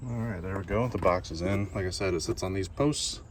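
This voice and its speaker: A man with a low, easygoing voice talks through a car install as he works on it. He explains each step plainly and casually. Faint outdoor ambience sits behind him. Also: brisk, slight background noise. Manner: relaxed, explains step by step while working. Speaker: car DIY vlogger. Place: outdoors by a car engine bay.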